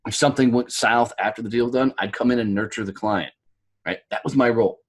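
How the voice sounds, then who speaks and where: An American man telling his story as a podcast guest, blunt and animated, swearing freely. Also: mid-range voice, fairly quick. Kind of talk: candid interview storytelling.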